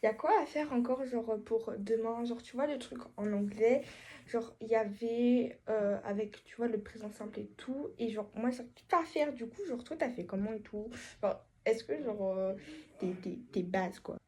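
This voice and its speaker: A woman's voice: a little high, normal speed, a little mellow, lightly acted. A woman playing a shy teenage schoolgirl who loves K-pop, in a comedy skit, talking hesitantly with lots of slang fillers. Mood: unsure. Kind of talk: comedy skit role-play.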